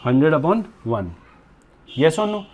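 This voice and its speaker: Man teaching physics in a dark voice. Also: a little high, big pitch swings, slow pace, lo-fi sound. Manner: explains step by step, often asks students questions; calls students "beta" and "bachche" fondly. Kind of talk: classroom lecture at a board.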